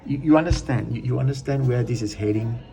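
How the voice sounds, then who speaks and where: Reading online posts and reviews out loud, a vlogger rants indignantly and emphatically, repeating words as he grows heated. He talks quickly in a mid-range voice that is creaky yet mellow, and the audio is poor.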